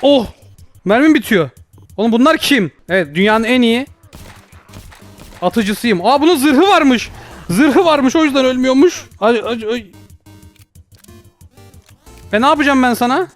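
A man's voice: very high-pitched, lively intonation, measured pace, pauses often, soft background music. A young man doing jokey let's play commentary, panicking, yelping for help and joking at the game. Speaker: gaming YouTuber.

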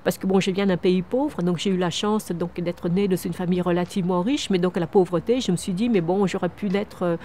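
Speaking fairly quickly with few pauses, a Vietnamese woman in her fifties answers interview questions earnestly, frequently restarting and repeating words; her lowish voice is steady and dark in tone. She is a microcredit charity founder, recorded on a wooden terrace among trees with slight background noise.

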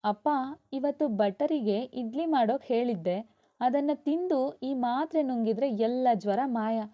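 A woman reading a storybook aloud, voicing a weary, short-tempered young mother who scolds briskly. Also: a little high, pitched above the performer's own voice, natural voice. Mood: soothing. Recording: dull lo-fi.

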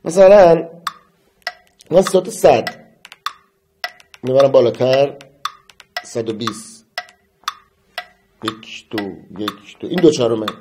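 A man teaching metronome practice in a casual lesson, counting beats aloud and humming a melody slowly. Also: medium pitch, noisy background. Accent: Persian. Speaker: music teacher.

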